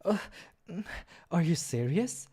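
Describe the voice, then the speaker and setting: A man's voice: sits high, very animated, unhurried, darkish tone, voice pushed up, heavily acted. A man voicing a young furred pup adventurer in a visual novel, earnest, eager and a little hesitant. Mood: incredulous.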